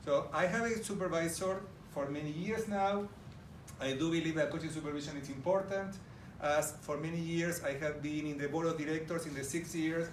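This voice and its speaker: Brisk and a little high-voiced, this middle-aged Argentine speaker with an Argentine Spanish accent enthusiastically presents to a live audience and addresses them directly. The large room comes across in roomy, distant audio with background noise.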